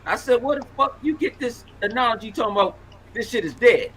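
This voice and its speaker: A man in his forties hosting a podcast, ranting in a loud, profane, animated way. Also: very high voice, a little fast, a little hiss or hum, low-quality recording. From Los Angeles. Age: 40s. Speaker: podcast host. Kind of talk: casual podcast banter.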